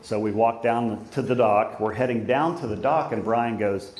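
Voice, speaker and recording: A middle-aged man giving an informal father of the bride speech at a wedding reception, conversational and anecdotal, pausing for the guests. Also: on the low side. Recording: echoey room, loud crowd and background noise. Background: crowd of guests, room noise.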